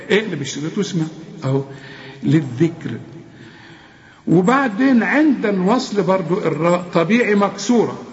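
Egyptian man, high voice, recitation teacher who quizzes the listener and drills words slowly; dull lo-fi sound. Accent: Egyptian Arabic. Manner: asks and answers his own questions, repeats words slowly. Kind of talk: tajweed lesson with chanted recitation. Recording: dull lo-fi recording.

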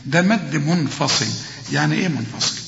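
A man with an Egyptian accent teaching Quran recitation, explaining rules step by step and chanting slow, drawn-out examples while quizzing his student. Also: fairly high pitch, creaky, a bit bright. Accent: Egyptian Arabic. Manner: talks straight to the student, correcting and quizzing. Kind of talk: tajweed lesson. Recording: echoey hall, dull lo-fi sound.

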